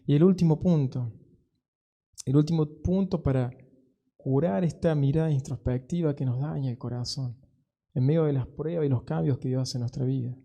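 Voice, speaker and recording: Man, pastor, sermon, earnest, deep mellow timbre, medium pitch. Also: gravelly. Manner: earnest, pastoral, with slow emphatic pauses. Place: church.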